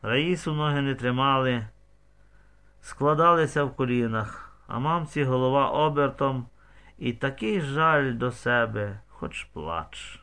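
A man's voice: mid-range voice, unhurried, bright, forceful tone, smooth. A man narrating a novel as an audiobook, telling the story expressively with vivid shifts in tone.

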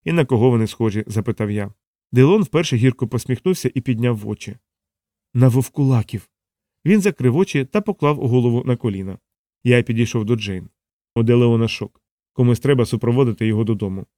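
Steady male audiobook narrator, dry sound. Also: mid-range voice, fast talker, dry recording. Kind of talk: first-person audiobook narration.

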